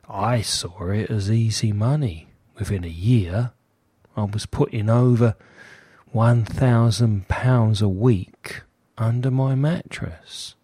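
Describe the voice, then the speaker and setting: A man speaking through a disguised deep voice, telling his story anonymously in a slow, guarded confessional monologue. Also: a little mellow, slightly rough, dry recording.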